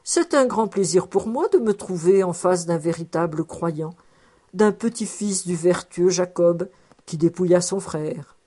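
A woman's voice: on the low side, unhurried, warm tone, slightly rough. A woman reading aloud, voicing a cheerful, teasing man who loves food and drink. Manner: joking, cheerful.

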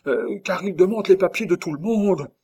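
A frightened, superstitious peasant nurse woman, put on by a male reader, her voice pushed up high and loud. She cries out in alarm, a countrywoman caught between fear and pity in a spoken storybook. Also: animated, takes it slowly. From Normandy (figure). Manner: high, cried-out exclamations.

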